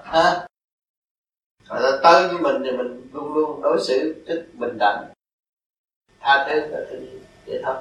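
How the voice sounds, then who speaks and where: A man's voice: mid-range voice, gravelly, echoey room, recorded from a distance, a little hiss or hum, poor audio. An older man giving a Buddhist dharma talk, answering a follower in a rambling, repetitive, folksy way and chuckling as he teaches.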